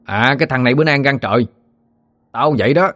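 A man's voice: medium pitch, fast talker, fairly bright tone, voice pushed up, natural voice. A man doing a swaggering village bully boy. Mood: cocky. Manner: swaggering and taunting.

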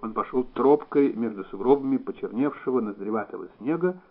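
A male narrator reads a novel aloud in a measured, even way. His voice is mid-pitched and steady. The recording sounds slightly dull. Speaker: audiobook narrator. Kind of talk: literary audiobook reading.

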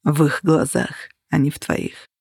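A reader voicing a stern, protective male vampire who speaks low, firm and hushed. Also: little pitch movement, a little slow, vocal fry, husky, dry recording, clean studio sound.

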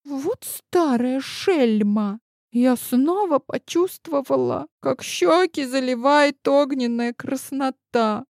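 A woman narrating a story in the first person, lively and expressive. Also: sits high, takes it slowly, no room sound, studio quality. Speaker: audiobook narrator.

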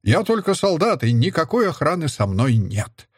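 A man reading aloud, voicing a jovial middle-aged soldier uncle who teases his young nephew in a hearty, lively way. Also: fairly high pitch, normal speed, breathy edge, dry recording, studio quality, pitched above the performer's own voice. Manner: hearty, teasing.

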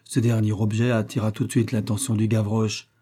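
A man narrating an audiobook in a steady, measured reading. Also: fairly low pitch, husky.

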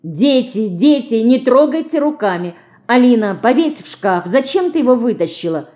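A woman voicing a modest, gentle mother who frets over her children in an audiobook. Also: fairly high pitch, very animated, normal speed, pitched above the performer's own voice. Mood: fretting.

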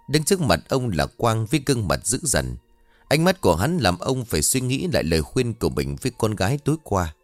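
Man, story narrator, deep voice, lively pitch, dry sound, faint music behind. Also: dry recording.

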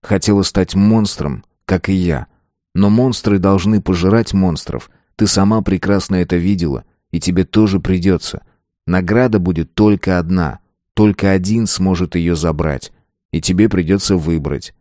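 A man voicing an arrogant, brutal young man who talks gruffly and scornfully. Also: low-pitched, normal speed, warm tone, no room sound, studio quality, lightly acted. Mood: cold brooding.

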